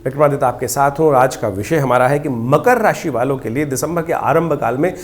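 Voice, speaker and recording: A man's voice: medium pitch, brisk. A man speaking as an astrologer, giving a horoscope talk in an explanatory, advising way.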